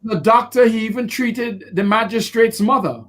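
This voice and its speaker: Expressive high-voiced man. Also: moderate pace. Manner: expressive, acts out quotes with laughter. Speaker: defense lawyer. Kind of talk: animated interview answers.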